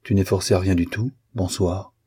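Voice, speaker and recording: A man voicing a kind, resigned young man in a storybook reading, speaking sadly and gently. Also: deep voice, steady tone, normal speed, slightly rough. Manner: sad, gentle.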